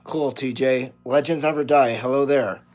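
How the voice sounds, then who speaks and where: A man's voice: medium pitch, steady tone, normal speed, darkish tone, faint music behind. A man in his fifties live-streaming as a musician, chatting casually with viewers, greeting them by name and swearing freely. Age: 50s.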